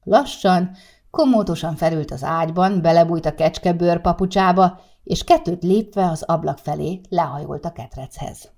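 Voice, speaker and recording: Low-voiced woman reading a story. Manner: calm storytelling, softer on narration tags. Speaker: audiobook narrator. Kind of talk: scripted narration.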